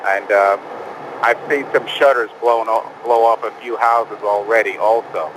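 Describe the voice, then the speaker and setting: A man working as a news photographer gives an informal, halting live eyewitness report on storm conditions. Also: on the low side, steady tone, noisy background.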